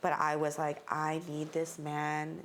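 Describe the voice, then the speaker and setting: A woman's voice: deep voice, completely flat delivery, slow pace, slight background noise. A woman candidly telling a personal story in casual chat, swearing freely. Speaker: guest.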